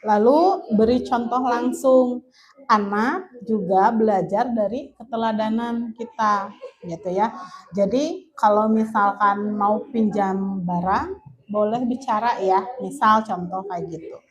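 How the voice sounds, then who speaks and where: A woman's voice: medium pitch, takes it slowly, lo-fi sound. A young woman giving an informal parenting talk to parents, chatty and laughing often, mixing languages and acting out little quotes. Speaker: parenting speaker at a parents' meeting.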